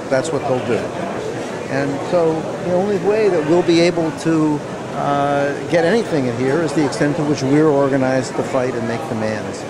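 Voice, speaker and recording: A man answering interview questions as a union delegate, earnest and measured, often restarting his sentences. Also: a little high, low-quality recording. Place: busy convention hall. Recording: loud crowd chatter behind.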